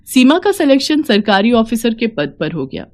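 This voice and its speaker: Measured woman narrating a story. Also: fairly high pitch, very animated.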